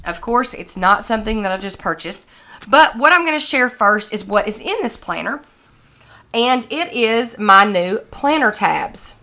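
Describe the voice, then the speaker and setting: A planner vlogger with a hoarse, scratchy mid-range voice, still recovering after losing it, does a casual product haul at a desk indoors with lighting kit. She sounds animated, pushed and bright at a measured pace, chatting and showing items to the camera.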